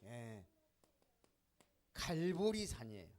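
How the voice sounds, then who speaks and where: A man's voice: mid-range voice, very animated, takes it slowly, a little mellow. A man preaching a sermon as pastor, asking the congregation questions and answering them himself.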